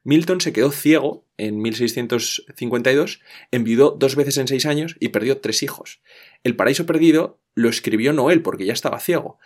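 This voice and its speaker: A man of middling pitch talks through a classic poem for a podcast, animated and lively as he explains. He breaks off and restarts sentences while he thinks. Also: normal speed. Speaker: literature guest explaining a classic.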